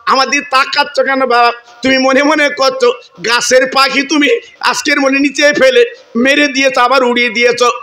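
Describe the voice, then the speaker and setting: A male preacher voicing a devout woman who loudly chides a saint while telling a story in a sermon. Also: very high voice, level tone, normal speed. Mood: chiding. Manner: calling out loudly, chiding. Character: devout woman drawing water, scolding a saint.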